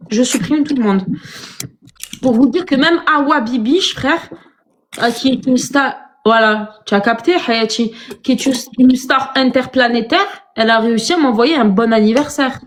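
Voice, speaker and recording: A woman's voice: high voice, a little hiss or hum. A young woman chatting casually on a live stream, teasing and slangy, calling her viewers pet names. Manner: teasing, slangy, says "ma puce" a lot.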